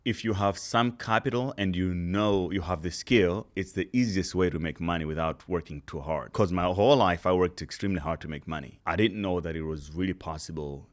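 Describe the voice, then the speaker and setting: A man, a guest telling his story in a relaxed, casual interview chat. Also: low-pitched, brisk, few pauses. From Malawi. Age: 30s.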